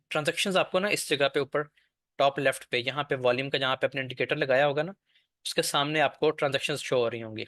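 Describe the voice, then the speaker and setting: A man's voice: mid-range voice, bright, forceful tone, dry recording, clean studio sound. A man teaching a trading class over a screen share, explaining step by step and often checking that the listener follows.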